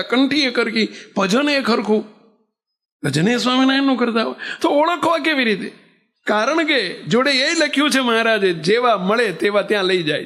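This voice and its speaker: High-voiced preacher monk. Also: male voice. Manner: lively storytelling with rhetorical questions. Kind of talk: sermon.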